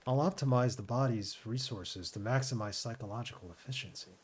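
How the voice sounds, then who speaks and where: A man voicing a calm, flat male computer AI, reading in-game lines slowly and without emotion. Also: mid-range voice, husky, natural voice. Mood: calm, cold. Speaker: gamer reading in-game dialogue.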